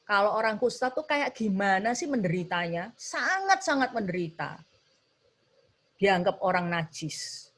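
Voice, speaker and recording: A woman teaching a children's church lesson, telling a story with lively, animated delivery and acted-out voices. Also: measured pace. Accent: Indonesian. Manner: animated, acts out quoted voices with sudden high pitch jumps.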